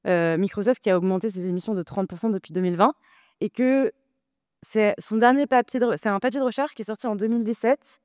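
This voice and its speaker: A woman's voice: mid-range voice, steady tone, quick pace, darkish tone, no echo, clean studio sound. A woman arguing in a debate, hesitant with many filler sounds but insistent. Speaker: debate speaker, co-president of a data nonprofit. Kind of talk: debate argument.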